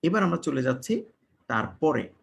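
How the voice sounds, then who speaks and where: A man from Bangladesh teaching an English grammar class online. He poses questions to the class and answers them himself, repeating and spelling out words slowly. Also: on the high side, sing-song, gravelly.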